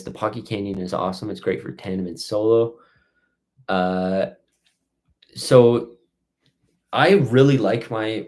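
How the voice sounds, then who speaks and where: A man's voice: fairly low pitch, a little mellow. A man hosting a casual outdoor live-stream Q&A, reading out questions and giving rambling, stop-start answers.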